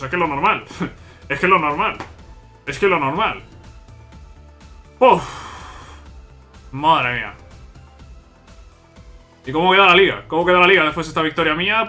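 A man commentating his football video game as he plays, talking to viewers, often repeating himself and complaining that the game is unfair. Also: a little high. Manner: frustrated, repetitive ranting at the game, swearing; bursts into loud excited shouts at big plays. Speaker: gaming youtuber. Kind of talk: live gameplay commentary.

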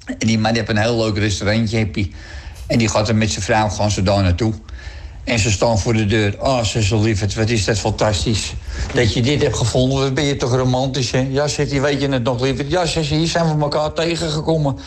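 A man's voice: medium pitch, fairly even intonation, fairly quick. A middle-aged man with a Dutch accent telling jokes on a radio show, switching voices for the characters. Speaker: joke teller on radio show.

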